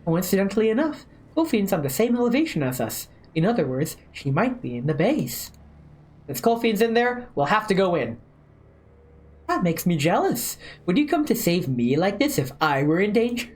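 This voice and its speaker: A woman's voice: medium pitch, very animated, normal speed, darkish tone, natural voice. A woman voicing a teasing, possessive female companion in an anime game, with a coy manner. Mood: teasing, jealous.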